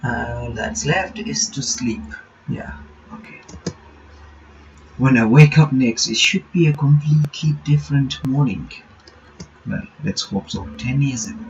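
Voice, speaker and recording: A sleepy man with a mid-range voice hosts a reaction video, rambling casually while reading visual novel game text aloud. The lo-fi recording sounds dull, carries a little hiss or hum, and has game music underneath.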